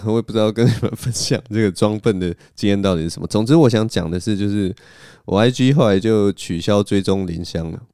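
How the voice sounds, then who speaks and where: A man hosts a solo podcast, rambling through stories in a self-mocking way. His voice is low, mellow and smooth. The close mic gives a dry sound. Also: dry recording. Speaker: podcast host. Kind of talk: casual solo storytelling.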